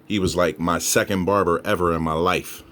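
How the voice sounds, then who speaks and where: Deep-voiced man casually presenting spirit recordings. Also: steady tone, normal speed, fairly bright tone. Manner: addresses listeners as folks, emphatic repetition. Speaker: paranormal investigator and host. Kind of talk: casual commentary on EVP recordings.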